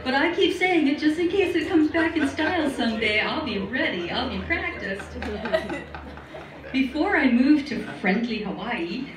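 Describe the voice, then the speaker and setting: Deadpan middle-aged woman doing stand-up. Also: high-pitched, moderate pace, a crowd in the background. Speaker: stand-up comedian. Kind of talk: stand-up comedy set. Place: small studio at a comedy night. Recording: roomy, distant live recording with faint noise.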